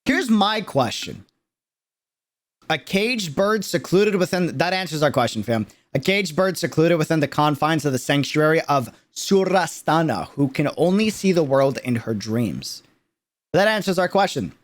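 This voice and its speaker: Slightly high and lively in intonation, this man's voice keeps a measured pace as he streams. He reacts to a game video and chats with viewers in slang, speaking casually and emphatically and repeating words for emphasis.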